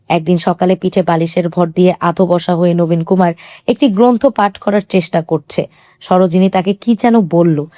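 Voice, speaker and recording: Calm woman reading a novel aloud. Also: lowish voice, no room sound, clean studio sound. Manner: calm, even storytelling. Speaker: audiobook narrator.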